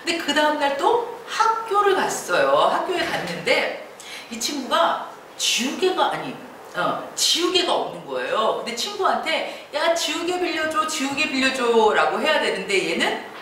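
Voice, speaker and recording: A woman giving a lively creative-writing lecture, acting out quoted lines and laughing often. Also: on the high side, moderate pace. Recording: echoey room from far off, faint noise.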